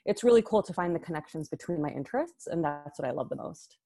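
Lowish-voiced woman from chicago suburbs, podcast guest, lots of ums and likes. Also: expressive, quick pace, warm tone. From Chicago suburbs, USA. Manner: thoughtful, laughs easily, many "um" and "like". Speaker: podcast guest, library director. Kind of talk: casual podcast interview.

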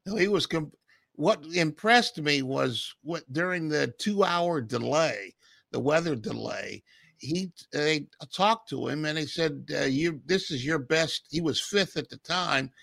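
Gravelly, sharp-toned male co-host, storytelling, dry studio. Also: on the high side, unhurried, dry recording. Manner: storytelling, laughs while talking. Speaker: radio co-host, stats man. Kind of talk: casual studio chat.

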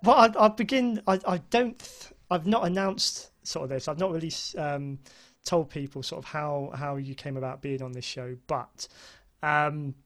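A man's voice: fairly high pitch, normal speed, fairly bright tone. A man with a southern British accent hosting a casual interview in a hesitant, rambling, enthusiastic way. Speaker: podcast host.

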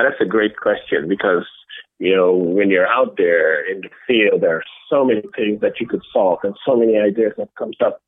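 Deep husky Dutch-raised man on a tinny line. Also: no echo. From Netherlands. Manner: measured, with frequent restarts and fillers. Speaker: interview guest, innovation executive. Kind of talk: conversational interview answers. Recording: dry, tinny phone-like call audio.

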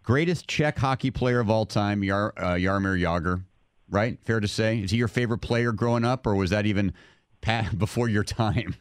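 A man's voice: lowish voice, normal speed, clear, resonant tone, dry recording, studio quality. A male radio show host interviewing a caller, often stumbling and repeating words as he starts his questions.

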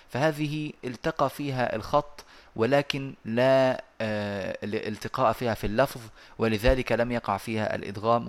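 A man teaching a lesson on Quran recitation rules over an online voice call. He explains at a measured pace with many pauses and fillers, and he chants the verses he quotes. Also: medium pitch.

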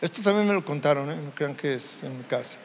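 A Mexican man, a pastor, preaching a slow, deliberate sermon and shifting his tone to demonstrate his points. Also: a little high, lively intonation, slight background noise. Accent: Mexican Spanish. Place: church hall. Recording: long reverb of a church hall.

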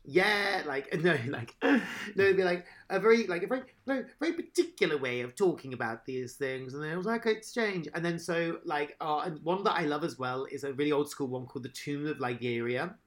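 A man in casual podcast chat, rambling and animated, swearing now and then. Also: on the high side, fairly quick, few pauses.

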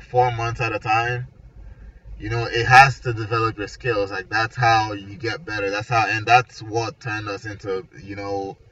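Medium in pitch and sharp in tone, a Nigerian man in his twenties chats casually about his architecture degree, his background and his creative work, often padding sentences with "like" and "you know." It's picked up on a distant microphone, sounding muffled amid noisy surroundings.

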